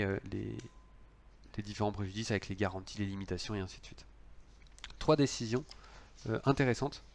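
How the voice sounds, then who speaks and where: A man's voice: fairly low pitch, creaky, slight background noise. A man lecturing on law, explaining cases with frequent fillers and restarts.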